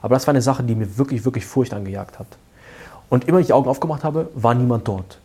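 A man earnestly recounting a personal experience in casual speech, halting now and then and dropping to hushed asides. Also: medium pitch, husky. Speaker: guest telling a personal story. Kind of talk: casual spoken storytelling.

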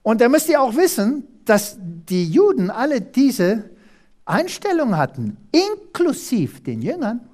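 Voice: wildly swooping pitch, unhurried, a little mellow. A preacher from South Africa giving a dramatic sermon, reading scripture aloud and firing rhetorical questions at the congregation. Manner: dramatic, rhetorical questions, sweeping pitch swings. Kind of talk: animated sermon with Bible reading.

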